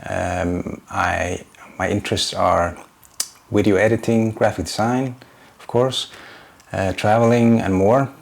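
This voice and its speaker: Taking his time, an Icelandic man in his forties speaks in a fairly low, gravelly voice with a steady tone. A YouTuber and graphic designer, he chats casually and unscripted in English, a second language for him, often stalling with fillers while searching for words.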